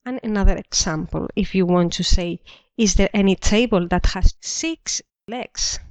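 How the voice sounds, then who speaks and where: A woman teaching a language lesson, explaining slowly and repeating each example sentence twice. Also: mid-range voice, a little mellow, no room sound. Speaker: Spanish teacher. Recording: dull dry lo-fi recording.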